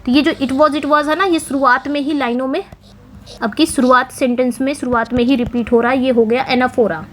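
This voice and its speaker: A woman explains English literary terms for exam preparation, going through each answer step by step. She reads English phrases out slowly and carefully. Her voice sits high, with a faint background hum. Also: fairly even intonation. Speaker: English teacher. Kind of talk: exam-prep lesson explaining multiple-choice answers.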